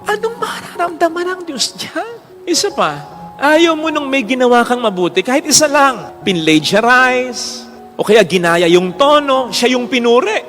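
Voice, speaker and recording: Animated priest preaching in a hall. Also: male voice, very high-pitched, a little slow, faint music behind. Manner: animated preaching, mixing English quotes, acting out quoted voices. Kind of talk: sermon.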